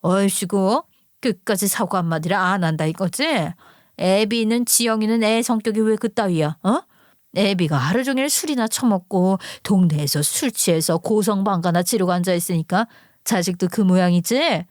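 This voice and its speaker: A woman's voice: mid-range voice, moderate pace, clean studio sound, close to an everyday voice. Woman playing a fiery mom in her forties, harsh and scolding, no room echo. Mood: furious. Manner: combative, scolding, rough-tongued. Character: fiery hot-tempered single mother, middle-aged. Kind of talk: storytelling acting.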